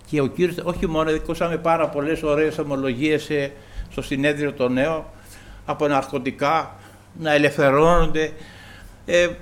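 Male preacher, sermon, slightly high voice, halting delivery, frequent fillers, repeated praise exclamations. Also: fairly even intonation. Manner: halting, many "eh" fillers, repeated "glory to the Lord".

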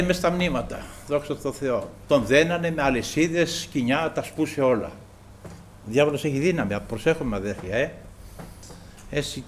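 A man preaching a sermon to his congregation, halting often with filler sounds and repeating praise to the Lord. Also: a little high, a little hiss or hum.

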